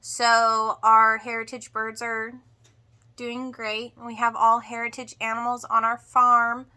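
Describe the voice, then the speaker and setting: A woman giving a casual homestead update to viewers in a halting way, sounding drained and emotional after surgery. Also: on the high side, monotone, sharp tone. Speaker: homestead vlogger.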